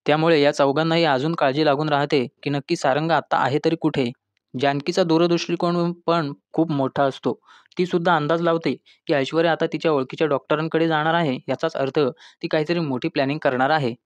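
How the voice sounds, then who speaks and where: A man's voice: a little high, fairly even intonation, a little fast, no echo. A man narrating a scripted recap of a TV serial episode, retelling scenes and reading the characters' lines aloud, and at times addressing listeners as friends.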